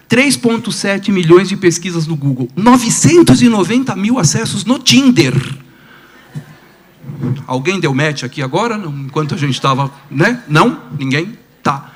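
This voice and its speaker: A man with a Brazilian Portuguese accent, a pediatrician giving a conference lecture, telling animated stories and asking the audience rhetorical questions. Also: a little high.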